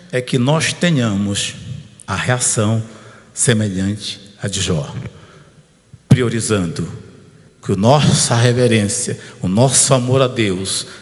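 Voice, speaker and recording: A pastor preaching an informal sermon at a church service, telling a personal story and calling out to the congregation. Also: male voice, mid-range voice. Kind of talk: conversational sermon. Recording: long church hall reverb.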